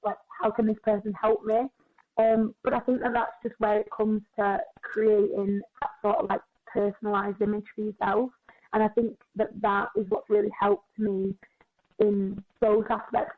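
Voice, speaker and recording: A chatty twenty-one-year-old woman speaking as a podcast guest, a personal trainer who fills her talk with casual filler words. Her voice sits at an ordinary middle pitch for a woman. The sound is thin and tinny, as if over a phone line. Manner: chatty, quick, lots of "like" and "you know".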